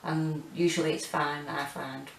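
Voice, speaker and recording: A British woman in her forties talks in a low, monotone voice. She takes her time, pausing and hesitating as she chats. The delivery is casual and self-deprecating, like an informal gardening vlog recorded in her kitchen. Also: creaky, slight background noise, rough recording. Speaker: gardening vlogger. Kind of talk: casual rambling garden tour chat. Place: small home kitchen and windowsill, indoors.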